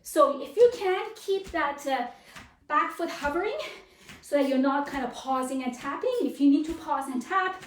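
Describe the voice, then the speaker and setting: A woman fitness instructor with a high, animated voice leads a live workout, offering encouragement, brief commands and counts at normal speed. The recording has a little hiss or hum. It comes from a distant microphone with a roomy echo.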